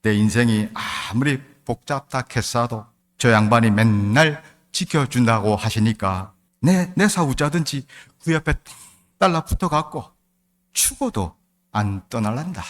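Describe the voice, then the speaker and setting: A pastor doing a broad Gyeongsang dialect reading. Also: male voice, mid-range voice, expressive, in a large hall, lightly acted. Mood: folksy. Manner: loud, drawn-out, folksy dialect reading.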